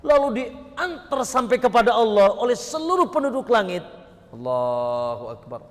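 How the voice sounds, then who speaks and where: Man preaching, high-pitched, animated, questioning the crowd, reverberant hall. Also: normal speed. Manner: lively, teasing the audience with questions. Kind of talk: sermon.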